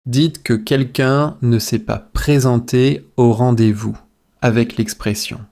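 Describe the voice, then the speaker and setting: Phrase by phrase, a man reads language drills in a measured, repetitive manner, acting as a teacher for shadowing practice. His mid-range voice is warm, with fairly even intonation and some vocal fry.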